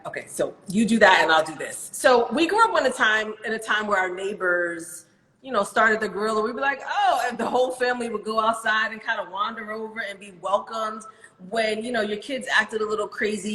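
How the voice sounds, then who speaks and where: A woman hosting a casual interview, chatty with quick asides, her voice carrying a big hall echo. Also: medium pitch, pushed and bright. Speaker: interview host. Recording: roomy voice with long hall reverb.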